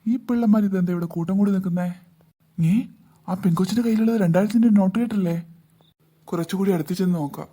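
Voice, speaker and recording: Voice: mid-range voice, fast, long pauses, dark tone, natural voice. An actor doing a sly cartoon con man. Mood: scheming. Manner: fake pleading, then gloating. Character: sly adult male con man tricking children. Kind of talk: cartoon voice acting.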